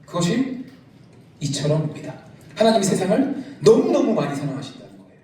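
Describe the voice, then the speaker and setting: A middle-aged male pastor preaching a youth service sermon in a large church sanctuary, lively and joking with the congregation. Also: high voice, a little fast. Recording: echoey church hall, from a distance.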